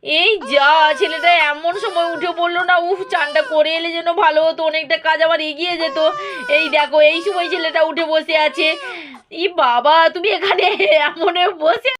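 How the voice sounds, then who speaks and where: A woman doing a bright, doting doll mother. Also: very high voice, steady tone, slight background noise. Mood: harried. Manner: quick, fussing baby talk. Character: busy young mother doll, doting and harried. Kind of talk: doll play voice-over.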